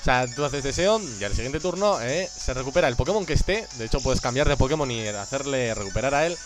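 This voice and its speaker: A man giving casual, joking commentary on a game, excitable and prone to sudden shouts. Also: medium pitch, quick pace, soft background music. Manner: excitable, joking, bursts into shouts and silly voices. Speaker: gameplay commentator.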